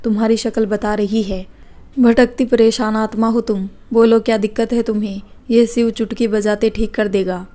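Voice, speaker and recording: A woman's voice: a little high, flat delivery, moderate pace, warm tone, natural voice. A woman voicing a playful young man who teases and jokes nonstop in a storybook tale. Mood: teasing. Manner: cheeky, joking banter.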